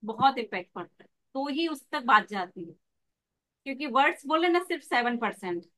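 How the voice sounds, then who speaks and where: A woman coach teaching an online class over a video call, lively and acting out examples as she explains. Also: high-pitched, moderate pace. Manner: lively, demonstrates with acted examples. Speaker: pregnancy coach.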